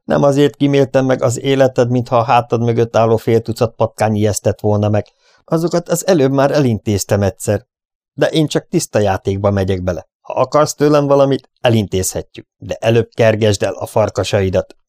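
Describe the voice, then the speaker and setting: A man's voice: medium pitch, no echo, studio quality, voice pushed up, natural voice. Steve, a man playing a cool young Texan gunfighter. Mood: indignant. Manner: cool, steady, taunting. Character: young tough Texan gunfighter, calm and cocky.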